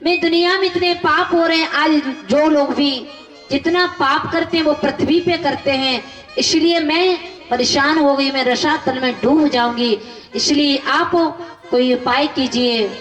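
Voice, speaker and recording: A woman's voice: sits high, fairly even intonation, fairly bright tone. A woman voicing a desperate, weeping cow who is Mother Earth, pleading for help in a sung religious storytelling sermon. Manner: pleading, rushed lament. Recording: echoey hall from far off with music.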